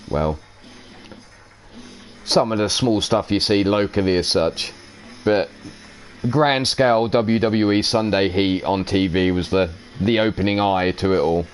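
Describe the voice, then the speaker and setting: A man with a brash, profane manner, answering an in-character interview as a wrestler and chuckling now and then. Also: lowish voice.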